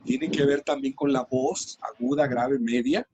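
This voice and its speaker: A man's voice: medium pitch, steady tone, a little slow, mellow, a little hiss or hum. A middle-aged man, a teacher trainer explaining classroom practice patiently in an interview.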